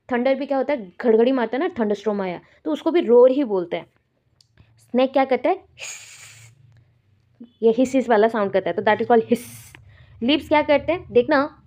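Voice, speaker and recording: A woman's voice: fairly high pitch, muffled recording. A woman teacher from India giving an exam-prep lecture, explaining terms step by step and repeating the key words.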